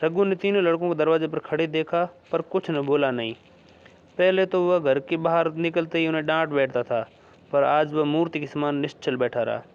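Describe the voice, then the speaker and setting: A man reading a classic short story aloud in a measured storytelling manner. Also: fairly high pitch, smooth. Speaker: story reader. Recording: dull lo-fi recording.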